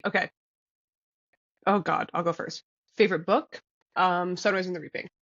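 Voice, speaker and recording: A woman's voice: fairly low pitch, fairly even intonation, moderate pace, a bit bright, dry recording, highs cut off. A woman co-hosting a podcast, chatting casually with lots of fillers and giggles. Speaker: podcast co-host. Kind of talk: casual chat. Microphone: podcast mic, eating on air.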